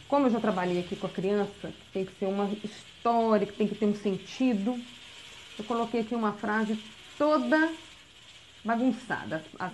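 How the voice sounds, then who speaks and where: A woman, a literacy teacher giving a recorded lesson and explaining patiently step by step, often checking in with a quick "tá?". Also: on the high side, a little hiss or hum, low-quality recording.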